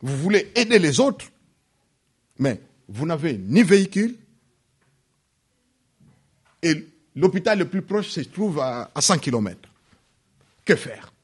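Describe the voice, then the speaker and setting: A man preaching a sermon, repeating phrases and swinging from loud peaks to hushed drops. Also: fairly high pitch, big pitch swings, slow pace, pauses often, husky. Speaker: pastor.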